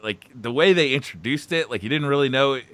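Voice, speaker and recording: Co-host, man, bright sharp voice, dry close sound, eager rambling. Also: mid-range voice, lively intonation, fast, dry recording. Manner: enthusiastic, rambling with filler words. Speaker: podcast co-host. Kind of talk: casual gaming chat.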